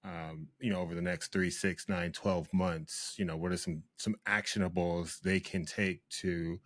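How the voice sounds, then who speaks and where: A man hosting an interview show, asking questions in a relaxed, casual way with some slang. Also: sits low, measured pace, no echo. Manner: relaxed, uses slang like bro. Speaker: podcast host.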